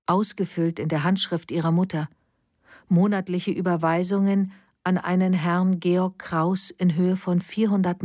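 Woman, audiobook narrator, lowish pitch, dry close sound, measured delivery. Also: warm tone, no room sound.

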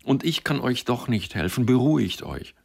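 A man's voice: low voice, measured pace, slightly rough, heavily acted. A man voicing an anxious, tender young woman who pleads in a raised, strained voice. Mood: pleading.

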